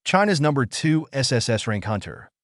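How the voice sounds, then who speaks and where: A man narrating a scripted story recap in a dramatic, expressive way. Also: mid-range voice, normal speed, no room sound, studio quality.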